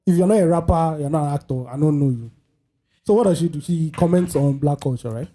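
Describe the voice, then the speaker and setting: A man's voice: on the high side, quick pace, warm tone. A man co-hosting a casual podcast chat, blunt and skeptical in how he talks. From Nigeria. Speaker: podcast co-host.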